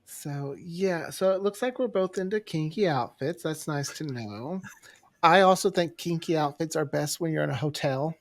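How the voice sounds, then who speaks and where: A man's voice: on the high side, moderate pace. A man chatting casually and candidly as a podcast co-host, playful and prone to wandering off topic. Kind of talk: casual chat.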